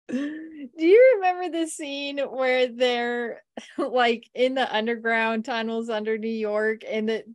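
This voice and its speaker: A woman's voice: a little high, fairly even intonation, takes it slowly, no echo. A woman hosting a podcast, telling a story with a chatty, laughing manner, full of "like". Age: adult with a husband. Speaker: podcast host. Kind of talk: casual chat about movies.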